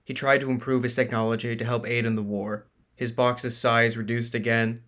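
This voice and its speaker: Guy reading his sci-fi book out loud, steady plain voice, middle pitch. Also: moderate pace. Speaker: narrator. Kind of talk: audiobook narration of own fantasy novel.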